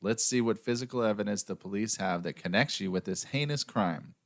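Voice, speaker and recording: A man's voice: lowish voice, a little fast, vocal fry. An American man hosting a true-crime podcast, reading scripted narration in a dry, sarcastic way between banter. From United States. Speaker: podcast host.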